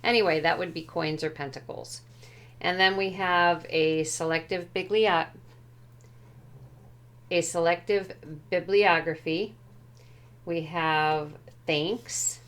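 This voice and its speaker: Slow, careful woman showing a tarot deck. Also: on the low side, steady tone. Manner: careful and tentative, often unsure of translations. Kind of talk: unhurried show-and-tell walkthrough. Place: at home.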